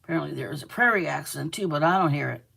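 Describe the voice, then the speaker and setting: A middle-aged woman from Manitoba, Canada, runs a live crochet stream, talking casually and frequently teasing and laughing as she reads out viewer comments. Her deep voice is animated and rapid-fire, creaky, pushed and bright, and slightly rough.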